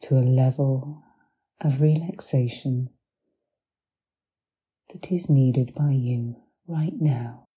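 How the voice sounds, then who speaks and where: Very slow, low, soft hypnotherapist woman. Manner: soothing, deliberate, long pauses between short phrases. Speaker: hypnotherapist guiding relaxation. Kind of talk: guided hypnosis meditation, soft and partly whispered.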